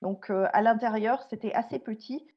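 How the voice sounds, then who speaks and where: A Swiss-born woman telling her life story as a podcast guest, pausing often with fillers and restarts. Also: a little high, highs cut off. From Switzerland. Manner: hesitant, many fillers and restarts. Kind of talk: conversational interview storytelling.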